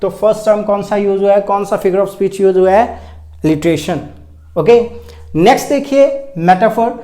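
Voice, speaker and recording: A man's voice: high-pitched, moderate pace, dark tone. Guy going through an exam lesson step by step, echoey room. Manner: explains step by step, says "ठीक है" often. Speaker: English literature teacher. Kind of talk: exam-prep lecture.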